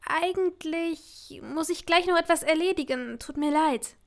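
A woman's voice: very high voice, a little slow, voice pushed up. A woman voicing a nervous but proud young woman in an audiobook, speaking in a lifted, eager tone.

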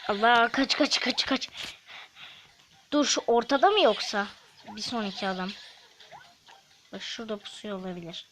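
Chatty woman voicing her game, higher pitch. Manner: chatty, quick to snap at opponents. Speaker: gaming channel host. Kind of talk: game commentary. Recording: faint background noise.

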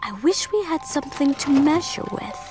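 A woman voicing a practical young girl hero in a cartoon, talking in a brisk, no-nonsense way. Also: high-pitched, expressive. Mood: focused. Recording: music playing under the voice.

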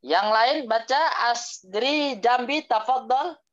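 A man's voice: extremely high pitch, slow pace, a bit bright. A male Arabic teacher leading an online class, drilling vocabulary, repeating and correcting students' answers, and mixing Arabic phrases into his explanations. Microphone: video call. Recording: dull lo-fi video call audio.

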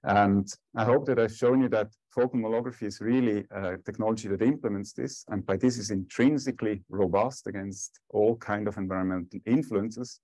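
Low-voiced man. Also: steady tone, fairly quick, hardly any pauses, warm tone, no room sound. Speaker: scientist presenting at a conference. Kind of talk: technical talk and question-and-answer. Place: conference lecture room.

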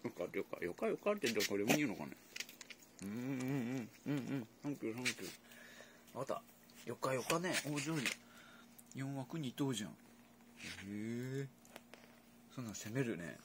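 A man chats to his pet dogs at home in a playful, coaxing way. His pitch swings widely up and down as he talks. A faint hiss of noise sits behind him. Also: animated, normal speed, long pauses. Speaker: vlogger predicting a horse race with his dogs. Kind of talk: casual chat to pets.

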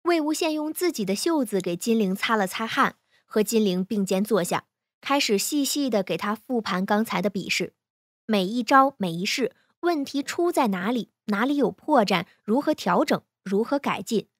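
A woman reading fan fiction aloud in a smooth, even storytelling manner. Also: medium pitch, normal speed, dry recording, clean studio sound.

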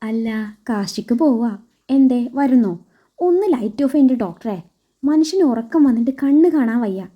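A woman's voice: high voice, animated, moderate pace, dull audio. A woman voicing a sulky, scheming young bride who fakes illness with dramatic whining complaints. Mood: sulky teasing.

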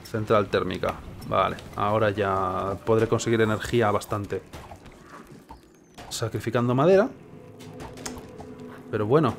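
A man's voice: on the low side, unhurried, vocal fry, pauses often, a little hiss or hum. A man with a Castilian accent from Spain giving casual gameplay commentary, musing and questioning himself as he thinks aloud. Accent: Castilian Spanish from Spain. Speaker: gaming video host.

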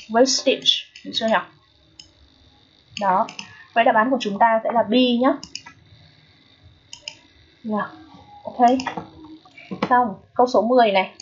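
A woman's voice: on the high side, slightly rough, dull audio. A woman with a Vietnamese accent teaching English pronunciation, repeating each word and often checking that listeners follow. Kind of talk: phonetics lesson.

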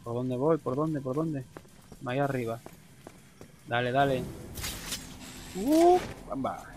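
A young man from Spain with a Spanish accent, casually commentating his gameplay, swearing often and breaking into excited exclamations. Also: medium pitch, unhurried, a little hiss or hum, low-quality recording. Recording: game music behind voice.

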